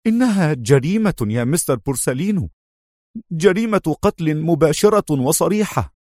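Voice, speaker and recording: A man voicing a nervous young police lieutenant who speaks high, tense and shaky. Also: moderate pace, darkish tone, no echo, clean studio sound, lightly acted. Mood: frightened.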